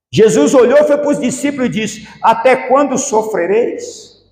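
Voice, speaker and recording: A man preaching a sermon as pastor, asking the congregation rhetorical questions. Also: sits high. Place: church. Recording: echoey church hall with long reverb.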